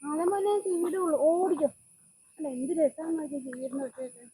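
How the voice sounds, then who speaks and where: A woman's voice: sits high, fast talker, warm tone, no echo. A woman reassuring and coaxing her small son as they walk through a wooded park. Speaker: parent talking to her young son.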